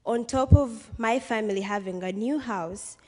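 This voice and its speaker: A fairly high-pitched but dark-toned young woman with a Ugandan accent, a western Ugandan college student, delivers an emphatic, heartfelt speech at a moderate pace from a podium in a large hall. The podium microphone picks her up with a long PA reverb.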